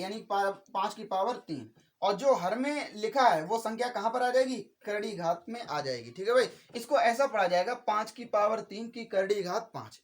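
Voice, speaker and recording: A male maths teacher giving a classroom-style lecture, slow and repetitive, adding "okay brother" after nearly every sentence. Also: high voice. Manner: slow and repetitive, spells out each step.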